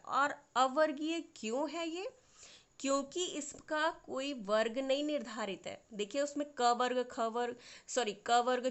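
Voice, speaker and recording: A woman's voice: high voice, fairly bright tone. A woman teaching a lesson who explains patiently, step by step, and keeps checking that everyone follows. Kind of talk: classroom lesson.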